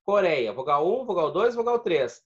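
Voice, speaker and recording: A man's voice: high voice, big pitch swings, normal speed, muffled recording. A man teaching a video lesson, explaining rules step by step and repeating key points. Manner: explanatory, repeats points and counts syllables aloud.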